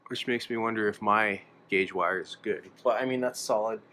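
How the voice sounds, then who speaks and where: At an indoor workbench, a hobbyist converting a radio into an amp thinks aloud in a casual, tentative way, speaking in fragments. His voice is fairly low and sharp, at a moderate pace, and the room recording is clearly noisy.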